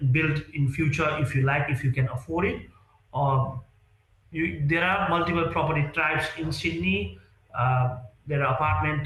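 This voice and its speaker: A man, speaking in a fairly high, bright and forceful voice. He answers interview questions earnestly, pausing on fillers and restarting his sentences. The room around him rings with echo. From Nepal. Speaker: real estate sales executive, guest.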